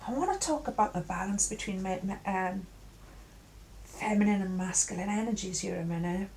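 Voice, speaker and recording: A middle-aged woman giving an intuitive tarot reading in a musing, halting way with many fillers. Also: medium pitch, gravelly, a little mellow, slight background noise, low-quality recording. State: coughing at times. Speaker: tarot reader.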